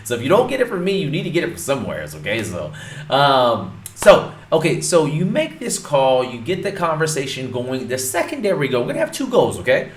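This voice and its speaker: A man's voice: mid-range voice, wildly swooping pitch, a little fast. A man coaching viewers in a casual instructional video, talking emphatically and repeating his points straight at the audience. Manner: emphatic, repetitive, addresses viewers directly. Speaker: real estate coach. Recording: roomy echo.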